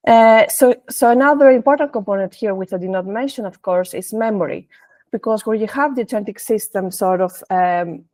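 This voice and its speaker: A woman's voice: mid-range voice, fairly quick, a little mellow, no room sound. A woman, giving a technical presentation with frequent restarts and fillers. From Greece. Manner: hesitant, many restarts and fillers. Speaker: presenter, senior data scientist.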